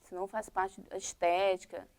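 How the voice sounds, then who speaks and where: A woman's voice: medium pitch, level tone, moderate pace, a little mellow, clean tone. A woman teacher with a Brazilian Portuguese accent, explaining a primary-school lesson step by step and checking in with "tá?" and "ok?".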